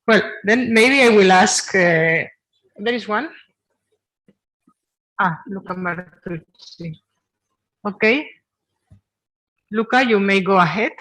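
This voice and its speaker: Chair running q&a, slow and soft, calling on people. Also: mid-range voice, poor audio. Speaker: session chair. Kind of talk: moderating a Q&A.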